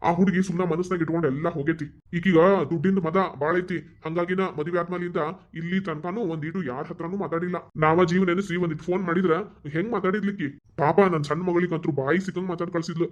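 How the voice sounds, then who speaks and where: Man as a resentful cartoon father, North Karnataka accent, rapid grumbling, muffled lo-fi sound. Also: on the high side, fairly even intonation, lightly acted. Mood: scolding. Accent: North Karnataka Kannada. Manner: scolding, grumbling. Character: stern, resentful middle-aged father. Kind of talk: cartoon voice acting. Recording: dull lo-fi recording.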